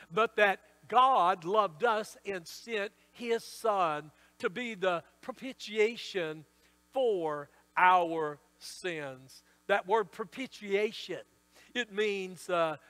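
A man's voice: high-pitched, a bit bright. A middle-aged man preaching a sermon from a church pulpit, stressing his points and drawing out the ends of key phrases. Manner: emphatic preaching with slowed, stretched phrase endings. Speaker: pastor. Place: church sanctuary. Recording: long church reverb.

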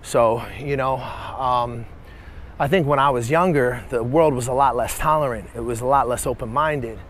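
A man's voice: mid-range voice, moderate pace, fairly bright tone. Blunt man vlogging on a busy street. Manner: rambling and blunt, cuts off his own swear words. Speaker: vlogger and life coach. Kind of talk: casual walking vlog monologue. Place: city streets outdoors. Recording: outdoor street noise.

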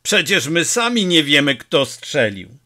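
A man's voice: on the high side, big pitch swings, measured pace, sharp tone, heavily acted. A man voicing a hot-tempered burly village mayor who bellows his lines in a storybook reading. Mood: scoffing. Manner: bellowing, explosive.

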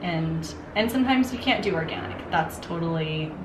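Woman, makeup artist, casual chat, storyteller, slightly low voice, faint background noise. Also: expressive, normal speed. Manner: chatty, laughing storyteller giving gentle directions. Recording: echoey room with faint noise.

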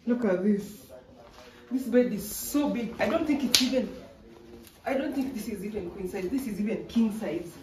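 A young Kenyan woman with a chatty, excitable manner, talking straight to viewers as a travel vlogger. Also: mid-range voice, normal speed. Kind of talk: casual travel vlog narration. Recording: distant mic with loud road and outdoor noise.

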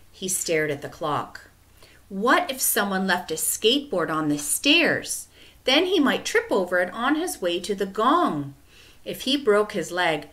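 A woman reads a storybook aloud at an unhurried pace. Her voice is lively, rising and falling with the story, and she lets each sentence settle. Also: medium pitch. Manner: expressive, measured reading. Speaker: audiobook narrator. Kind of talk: storybook narration.

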